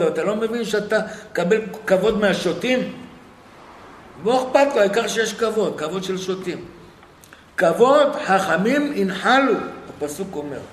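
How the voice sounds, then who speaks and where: A man preaching a sermon and retelling stories in animated fashion, acting out the dialogue. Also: high-pitched. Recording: echoey hall with faint noise.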